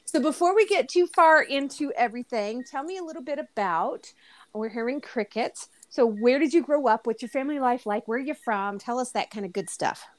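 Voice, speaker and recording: A woman's voice: high-pitched, fairly quick. A woman hosting an interview show, enthusiastic and encouraging toward her guest. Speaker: podcast host.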